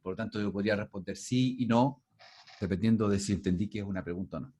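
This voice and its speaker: Husky man teaching a class online. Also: on the low side, fast talker, dark tone. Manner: explanatory, restarts and repeats words while thinking. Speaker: linguistics teacher. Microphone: video call.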